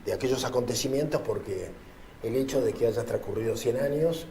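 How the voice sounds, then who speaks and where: A man interviewed as a political commentator, speaking in a measured, reflective way with hesitations and repeated words. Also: mid-range voice, gravelly, warm tone, a little hiss or hum.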